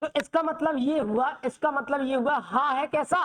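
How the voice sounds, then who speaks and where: A woman with a high voice teaches the Hindi alphabet. She asks her students questions, answers them herself, and keeps checking that they follow. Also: normal speed, fairly bright tone. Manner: repetitive, checks students' understanding. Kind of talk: classroom lesson on Hindi script.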